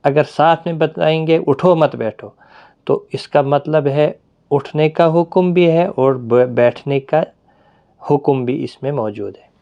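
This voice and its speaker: A man teaching a Quran reading lesson, explaining patiently with pauses and drawn-out fillers. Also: medium pitch, mellow, lo-fi sound.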